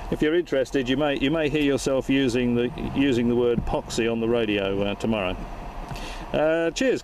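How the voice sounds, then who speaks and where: Against a noisy background, a mid-range male voice banters casually from inside a car, an amateur radio operator doubling as video host whose radio chat and vlog narration stay jokey, matey, and informal.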